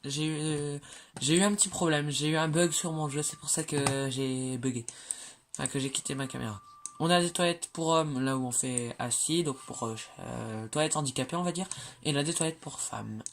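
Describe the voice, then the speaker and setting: Over a little hiss or hum, a game creator shows their builds, speaking at normal speed in a medium-pitched voice. The walkthrough is casual and hesitant, thick with fillers and corrections, and they joke about their own slip-ups in a chatty manner.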